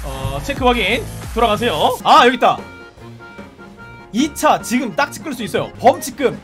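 A man with a very high, bouncy voice calls out a game live, joking and barking orders at the people on screen. His pitch swings up and down constantly. Background music plays under his talk. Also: normal speed. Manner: playful, animated, shouting commands at game characters. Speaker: game streamer. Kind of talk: live gameplay commentary.

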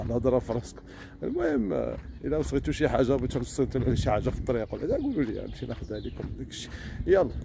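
A man with a Moroccan accent, chatting casually to his viewers as he walks along a cold, windy road. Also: mid-range voice. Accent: Moroccan Darija. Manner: chatty, talks to viewers while walking. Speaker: vlogger. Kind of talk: casual walking vlog. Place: outdoors on a country road in the cold wind.

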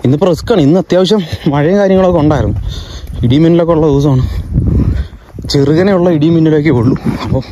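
A man's voice: on the high side, fast talker, mellow. A man with a Kerala accent narrating a casual travel vlog, mixing English words into his Malayalam. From Kerala, India. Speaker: travel vlogger. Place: outdoors on a hill path. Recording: noisy outdoor handheld recording.

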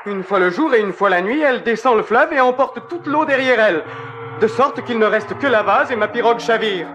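A sulky complaining villager, muffled, with hiss behind. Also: male voice, very high-pitched, animated, brisk. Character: sulky, put-upon grown man. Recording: dull, noisy lo-fi sound.

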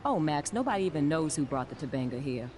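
A caring science teacher in a video game, explaining things in a measured, earnest way. Her voice sits low for a woman, and clear noise runs behind the game audio. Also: very animated, a little mellow. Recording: game audio under a livestream, with background noise.

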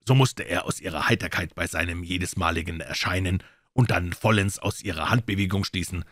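A man calmly narrating a classic detective story as an audiobook reader. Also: deep voice, dry recording, studio quality. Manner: calm storytelling reading. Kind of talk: scripted narration.

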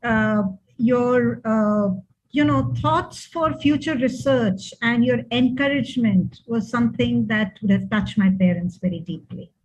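An older woman with an Indian accent gives an informal speech of thanks and family memories over a video call from an indoor room. Her voice is a little high and darkish, and she speaks unhurriedly. The computer mic makes the audio dull.

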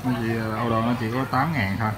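A used motorbike shop salesman with a southern Vietnamese accent gives a chatty, hesitant pitch during a casual walkaround in a tiled motorbike showroom, talking fast with fairly even intonation. It was filmed on a handheld phone from behind the camera, and the recording is noisy with vehicle sounds.

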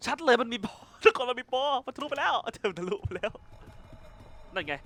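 A man giving casual let's-play commentary as a gaming YouTuber, excitable, swearing casually and laughing often. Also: very high voice, brisk. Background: faint music.

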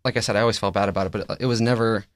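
Male co-host, easygoing rambler, low voice, rapid delivery. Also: steady tone, no room sound, clean studio sound. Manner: easygoing, rambling, acts out quotes. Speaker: podcast co-host. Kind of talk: casual chat.

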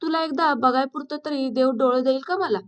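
A woman's voice: sits high, brisk, close to an everyday voice. A woman voicing a sickly, sorrowful blind village woman who talks in rustic village speech.

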